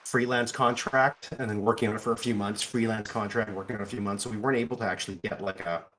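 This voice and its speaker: A man, a game developer, explaining things casually on a live stream while his voice-call audio breaks up, robotic and glitchy with jumping pitch. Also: steady tone, fast talker, fairly bright tone. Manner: explains at length, loose and informal. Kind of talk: casual chat on a dev stream.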